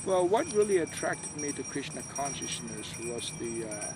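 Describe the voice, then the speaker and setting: A man from Malaysia, an interview guest, telling his story earnestly with many pauses. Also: medium pitch, big pitch swings. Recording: loud background noise outdoors.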